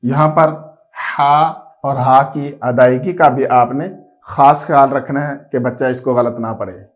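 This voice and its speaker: A man teaching a Quran reading lesson, explaining patiently and slowly drawing out letter sounds to demonstrate them. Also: medium pitch, steady tone. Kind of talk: instructional lesson.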